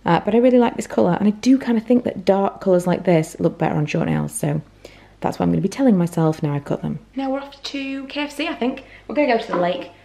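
A woman's voice: fairly low pitch, gravelly, warm tone. Chatty British woman vlogging. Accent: British English. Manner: chatty, rambling, self-deprecating. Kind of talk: casual daily vlog.

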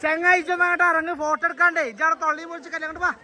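A man with a Malappuram Malayalam accent, vlogging outdoors at a family gathering and loudly ordering and teasing his relatives. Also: very high voice, flat delivery, rapid-fire. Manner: loud, bossy and teasing, calling out orders. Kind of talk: casual vlog, herding relatives. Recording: busy crowd noise behind.

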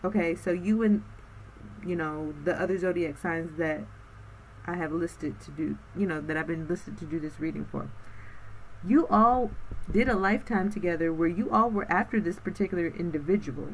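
A woman's voice: mid-range voice, low-quality recording. A woman talks through a tarot reading in a loose, meandering way, drawing out some words and checking in with the listener. Her voice sits in a middling range. A faint hiss runs under the recording. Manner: rambling, repeats okay and um, drawn-out words. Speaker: tarot reader.

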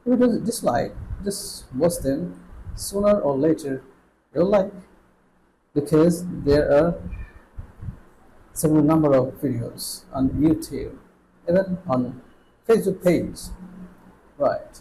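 A man teaching English letter sounds, repeating each sound slowly and patiently. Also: on the high side, lively intonation, mellow, a little hiss or hum, poor audio.

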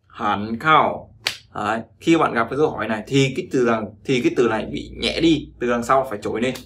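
A man's voice: medium pitch, brisk, fairly bright tone. A man teaching Chinese pronunciation, repeating words after a recording and explaining them. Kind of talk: pronunciation lesson.

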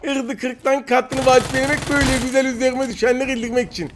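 A young man giving excited gameplay commentary, teasing and trash-talking his opponents. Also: very high-pitched, fast talker. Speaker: mobile game streamer. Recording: noisy game audio with gunfire. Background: gunfire and game sounds.

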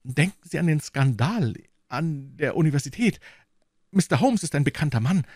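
A man's voice: a little high, animated, moderate pace, darkish tone, no room sound, clean studio sound, pitched above the performer's own voice. A man voicing an anxious, apologetic young male assistant with a flustered, pleading manner, in an audiobook reading.

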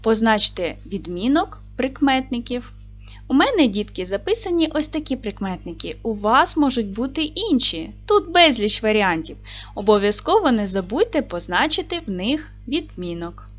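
A woman teaching a recorded lesson for primary school children, speaking clearly and patiently to the class. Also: a little high, very animated, moderate pace.

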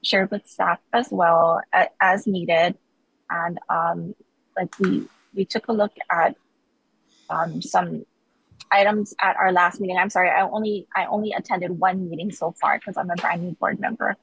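A woman's voice: lowish voice, fairly even intonation, unhurried, gravelly, a bit bright, breathy edge, rough recording. A woman in her forties, a teacher nominee, answering questions over a video call, hesitant with many ums. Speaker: board nominee testifying.

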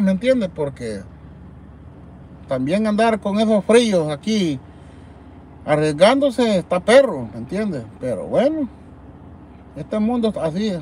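There's a slight hiss or hum as this man from El Salvador, hosting a live chat from his parked car at night, rambles animatedly and reads viewers' comments aloud. He speaks Salvadoran-accented Spanish in a voice on the high side with a darkish tone.

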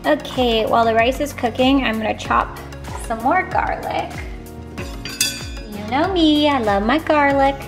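In a casual cooking vlog, a fitness vlogger in her thirties talks in a high, unhurried voice. Her tone is upbeat and homey as she cooks at home, captured by a counter-mounted camera. Background music and kitchen echo fill the recording.

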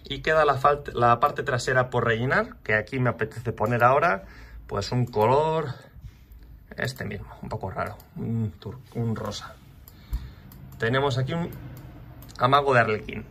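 A man walking viewers through a design website in a relaxed, chatty tutorial, talking to the audience as he clicks. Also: medium pitch, normal speed, pauses often, a little hiss or hum. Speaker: channel host. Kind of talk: casual screen walkthrough tutorial.

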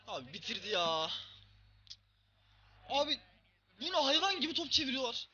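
Male gaming host, very high and sharp voice, loud play-by-play of his own football game, shouts and swears at it. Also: sing-song, normal speed, husky, dull audio. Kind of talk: football gameplay commentary.

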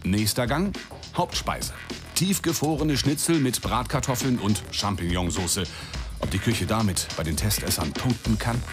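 Male narrator, low voice, very lively pitch, ironic, scripted TV voice-over, loud music behind. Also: normal speed.

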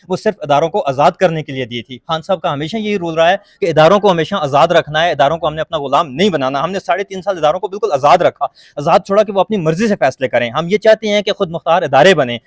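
A lawyer, a man, argues his case to a reporter in rapid, emphatic bursts. His voice sits a little high and sounds dry and close, with no room around it. He presses each point with quick insistence. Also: dry recording. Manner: fast, emphatic, argumentative. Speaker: lawyer, party legal forum member. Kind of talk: courthouse interview answers.

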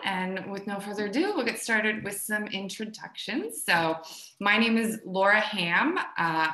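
A woman's voice: fairly low pitch, pushed and bright. A woman in her thirties from the United States, co-owner of a travel company, hosting a casual webinar in a friendly, chatty way with many fillers. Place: home room, video call. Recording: echoey room.

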